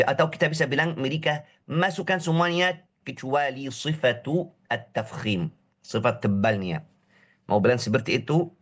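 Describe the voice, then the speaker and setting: A man with a cold teaching a tajweed lesson online, drawing Arabic words out slowly to demonstrate their pronunciation and drilling short syllables again and again. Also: medium pitch, fairly bright tone, lo-fi sound. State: has a cold. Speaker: Quran recitation teacher.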